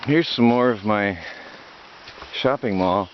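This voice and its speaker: A man's voice: fairly low pitch, takes it slowly. A man talking casually as he rambles through a vlog outdoors in the countryside, by a creek. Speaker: vlogger. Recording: dull lo-fi outdoor audio, loud creek and nature noise. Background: running creek water, insects.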